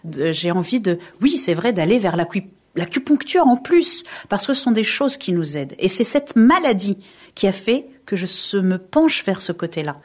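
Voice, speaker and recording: Lively middle-aged woman radio guest. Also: moderate pace. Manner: lively, acts out inner voices with jumps in pitch. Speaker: guest, reflexologist and naturopath. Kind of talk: radio interview conversation.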